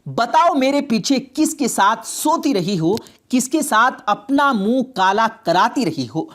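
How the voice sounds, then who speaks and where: A woman's voice: on the high side, big pitch swings. A woman voicing a stern middle-aged father who turns harsh and threatening over family honor, in a told story. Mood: furious.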